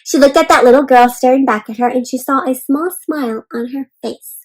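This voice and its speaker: A woman hosting a children's read-aloud reads a storybook to young kids, encouraging and reassuring them and often stopping to explain simply and check in. Her voice is high with a breathy edge, and she reads briskly.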